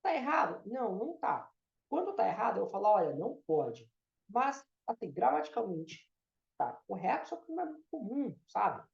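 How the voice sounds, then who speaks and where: A man's voice: sits high, sing-song, moderate pace, gravelly. A man from Brazil with a Brazilian Portuguese accent, teaching a casual English lesson and repeating words for drills. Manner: keeps checking in with "tá?" and drills pronunciations by repeating them. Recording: roomy, slightly dull sound.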